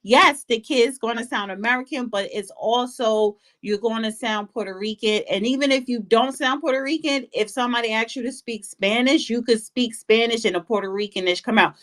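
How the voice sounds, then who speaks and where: A woman with a slightly high voice works as a talk show co-host. She talks casually and bluntly, pressing her point with an insistent, argumentative delivery. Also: moderate pace, hardly any pauses, fairly bright tone. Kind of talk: casual call-in banter.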